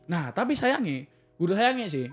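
A man's voice: high-pitched, big pitch swings, faint music behind. A man with an East Javanese accent telling horror stories on a podcast in slangy casual banter. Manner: tells horror tales in rapid slangy banter. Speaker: podcast co-host. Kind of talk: casual storytelling chat.

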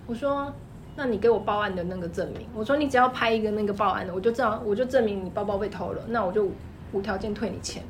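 A woman with a Taiwanese Mandarin accent, a clothing shop owner telling stories in an animated, emphatic way. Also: mid-range voice, slight background noise. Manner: animated, fast-talking, emphatic. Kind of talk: casual storytelling chat.

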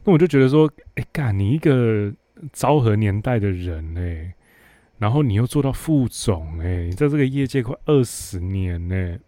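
A man's voice: lowish voice, animated, moderate pace, mellow, dry recording. Blunt Taiwanese man telling work stories. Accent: Taiwanese Mandarin. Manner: blunt, sarcastic storytelling with mild swearing. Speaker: podcast host. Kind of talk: casual solo podcast monologue.

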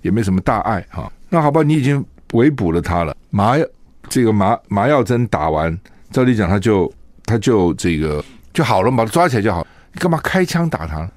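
A man's voice: fairly low pitch, sing-song, a little fast, a little mellow, no room sound. A man hosting a radio show, giving opinionated solo news commentary full of rhetorical questions.

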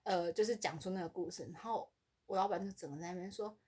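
A woman co-hosting a podcast, telling a workplace story in casual chat and acting out the other people's lines with big swings in her voice. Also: quick pace. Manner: animated, acts out quoted voices with big pitch swings. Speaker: podcast co-host.

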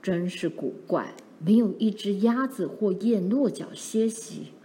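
A woman voicing a pioneer father who speaks in a slower, lowered, measured way. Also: warm tone, lightly acted. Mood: puzzled. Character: pioneer father, grown man, puzzled and steady.

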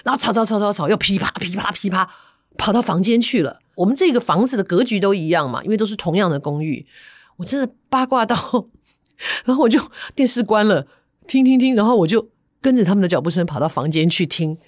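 A woman podcast host, telling a story in lively chat, acting out sounds. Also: mid-range voice, brisk, dry recording, clean studio sound. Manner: animated, acts out sounds and voices.

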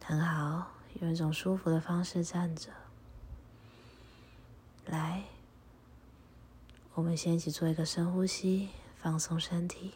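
A woman leading a guided meditation and prayer, speaking softly and calmly, often in a half-whisper. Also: lowish voice, slight background noise. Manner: soft, breathy, often half-whispered delivery; slow, calm, instructive.

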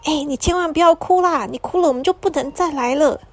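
A woman's voice: sits high, quick pace, no echo, pitched above the performer's own voice. A woman voicing a sweet, curious little girl in a bedtime story, with a childlike sing-song manner.

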